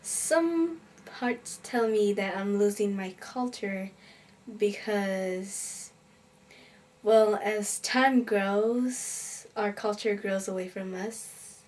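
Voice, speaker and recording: A woman's voice: medium pitch, extremely slow, a little mellow, recorded from a distance. A teenage girl speaking thoughtfully in a documentary interview. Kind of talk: personal testimony in a documentary interview.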